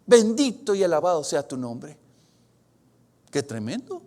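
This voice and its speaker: A pastor preaches a sermon. He reads scripture aloud and speaks in an earnest, confessional way. His delivery swings from loud, emphatic bursts to hushed, drawn-out phrases. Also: fairly high pitch, sing-song.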